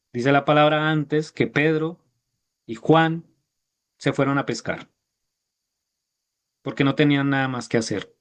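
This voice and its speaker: A man preaching a sermon, retelling a Bible story with lively, acted-out voices for the characters. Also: a little high.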